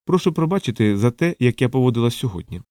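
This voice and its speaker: A man's voice: medium pitch, expressive, fast talker, dark tone, no room sound, studio quality, lightly acted. A man voicing a blunt, fierce young woman soldier who talks in terse, clipped lines. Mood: hushed.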